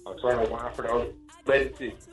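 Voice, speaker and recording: A man's voice: medium pitch, level tone, normal speed, faint music behind. A man calling in to a radio show, sheepishly pleading for concert tickets. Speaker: caller. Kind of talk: phone-in radio call.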